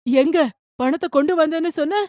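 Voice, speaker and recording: A woman's voice: sits high, fairly quick, darkish tone, no echo, clean studio sound, voice pushed up, close to an everyday voice. A woman voicing a harsh, accusing older mother-in-law in a cartoon story, taunting and insulting. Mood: scornful.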